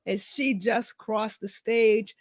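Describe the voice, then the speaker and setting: Tired raspy woman podcast host. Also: fairly high pitch, slow, dry recording. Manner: enthusiastic, warmly encouraging. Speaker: podcast host and doctoral coach. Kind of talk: casual podcast chat.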